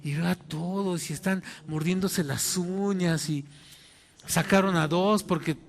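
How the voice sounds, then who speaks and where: A man with a Mexican accent, a pastor preaching a sermon and telling a personal story in an animated way, acting out the voices in it. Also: high-pitched, a little slow, gravelly. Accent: Mexican Spanish.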